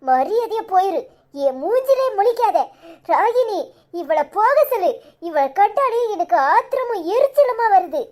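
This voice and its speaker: A woman's voice: very high voice, very animated, a little slow, a little mellow, voice pushed up, full character voice. A woman with a Kanyakumari Tamil accent voicing a distraught young wife who pleads and scolds in a cartoon. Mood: furious. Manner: pleading, then harsh scolding. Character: distraught young wife, fierce when angered. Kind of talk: cartoon voice acting.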